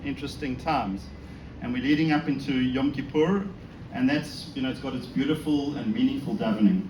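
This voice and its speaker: Speaking at a medium pitch and a little fast, this South African man delivers a casual religious talk before an audience in a synagogue. His style is conversational and self-deprecating, with frequent rhetorical questions. The recording has an echoey room, a distant mic, and background noise.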